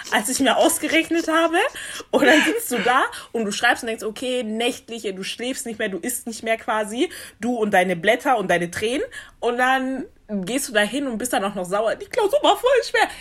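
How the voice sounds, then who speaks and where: A young woman with a fairly high voice whose pitch swings widely. She chats casually about her studies and slips English phrases into her speech. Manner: expressive, mixes in English phrases. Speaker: student. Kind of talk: casual chat.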